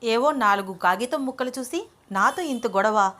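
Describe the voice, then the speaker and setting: A woman's voice: on the high side, lively intonation, moderate pace, fairly bright tone. A woman voicing a headstrong young wife and student who answers back in a pouty, defiant way. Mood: sulky.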